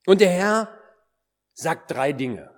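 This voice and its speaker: A man preaching a sermon, acting out quoted words and dropping at times into hushed whispers for solemn points. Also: fairly high pitch, takes it slowly. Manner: animated, swings between emphatic calls and hushed whispers.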